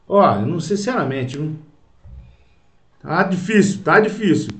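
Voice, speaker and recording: An indignant man with a Brazilian Portuguese accent delivers a slow, repetitive rant, dropping swear words and calling everyone "cara." His voice sits high for a man. It rings around an echoey room. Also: lively intonation. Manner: indignant, profane, keeps saying "cara". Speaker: political video commentator. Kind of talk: angry rant to camera.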